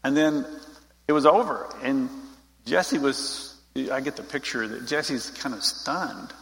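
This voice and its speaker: A man's voice: medium pitch, slow pace, fairly bright tone, long reverb tail, poor audio. A man giving an informal Bible teaching, talking straight to his group in a conversational way.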